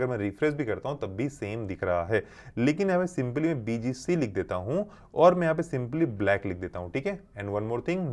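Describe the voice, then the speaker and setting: A young man teaching a coding lesson, explaining step by step and often checking whether the point is clear. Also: medium pitch. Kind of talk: screen-recorded coding lesson.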